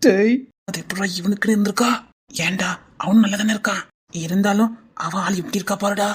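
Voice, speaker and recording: A woman's voice: medium pitch, fairly even intonation, a little fast, husky. A woman with a Tirunelveli accent performing a comic sketch, chattering nosily and teasing like a gossiping bus passenger. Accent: Tirunelveli Tamil. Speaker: sketch comedian.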